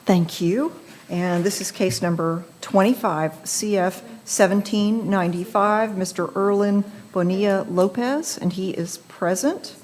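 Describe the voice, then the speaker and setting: A woman presiding as judge, calling cases and ruling in a brisk, procedural manner, heard in a courtroom recording. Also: medium pitch, darkish tone, slight background noise.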